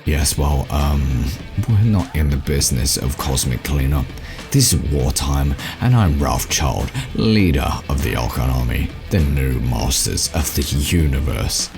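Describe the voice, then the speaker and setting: A smug occult warlord from a space cartoon. His voice is extremely low and gravelly, his delivery pompous and ceremonious. Music plays behind him. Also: expressive, unhurried, heavily acted. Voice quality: deep, gravelly. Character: Wrathchild, grandiose male alien occult warlord, obsequious and smug.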